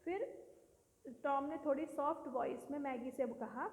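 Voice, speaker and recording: Woman teacher, Indian English accent, unhurried textbook reading with quick Hindi explanations, high voice, echoey room. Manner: reads English slowly, then explains rapidly in Hindi. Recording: echoey room with long reverb.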